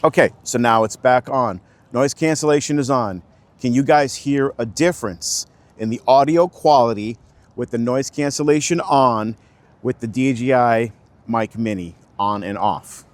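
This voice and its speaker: A man's voice: medium pitch, unhurried. A man reviewing gear in a casual vlog outdoors near water, talking straight to viewers through a wireless clip-on mic with noise reduction switched on. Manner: talks straight to viewers, asking for comments. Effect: noise reduction processing on the mic. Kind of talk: casual product-test vlog. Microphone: wireless clip-on mic on his sweater.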